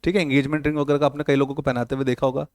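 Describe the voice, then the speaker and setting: A man's voice: mid-range voice, level tone, rapid-fire, a little mellow, no echo, clean studio sound. A man teaching a classroom lecture, joking with and quizzing his students, mixing with words. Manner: playful, teasing students with questions.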